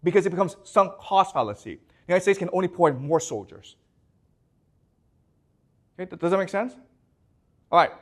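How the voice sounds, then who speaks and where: A man's voice: sits high, lively intonation, a little fast, pauses often. A man lecturing a class as a professor, often repeating words and constantly checking that the students understand.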